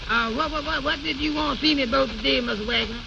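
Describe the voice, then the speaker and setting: A nervous, humble man a very high, creaky voice. He stammers and repeats his folksy phrases in an old radio comedy, on a dull recording full of noise. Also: fast talker. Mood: flustered, polite. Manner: stammering repetitions, deferential, folksy ungrammatical speech. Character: anxious, humble, naive man, easily flustered. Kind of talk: 1930s-40s radio comedy acting.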